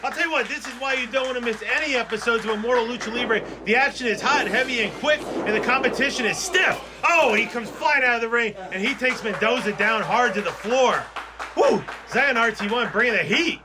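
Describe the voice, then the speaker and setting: A man's voice: very high voice, brisk, music in the background. A man giving color commentary as a lucha libre announcer, in a folksy, emphatic way. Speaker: wrestling co-commentator. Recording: noisy recording.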